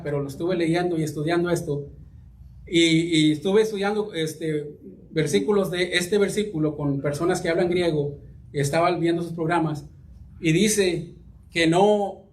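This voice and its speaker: A man preaching a sermon and reading scripture, speaking haltingly, repeating words as he searches, and addressing the congregation as brothers. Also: fairly high pitch, a little hiss or hum.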